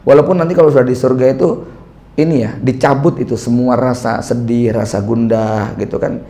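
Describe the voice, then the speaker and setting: A man's voice: mid-range voice, steady tone, a little fast, gravelly, warm tone. A man preaching in a chatty, conversational lecture style, throwing rhetorical questions at his listeners and acting out small bits of dialogue. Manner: acts out little quoted dialogues. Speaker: Islamic preacher.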